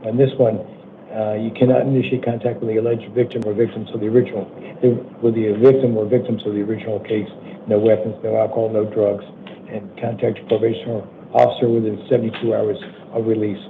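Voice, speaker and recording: An American judge presiding over initial appearance hearings reads charges and release terms in a plain, informal courtroom address. His voice is weak that day, lowish and level, and he halts often to check that people understand. The courtroom audio sounds tinny and phone-like with faint noise.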